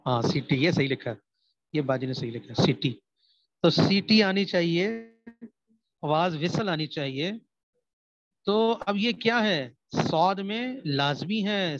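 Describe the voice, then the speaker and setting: A man's voice: high-pitched, a bit bright, no echo. A man teaching a recitation class, asking his students questions, repeating them and answering them himself. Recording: dry, slightly dull sound.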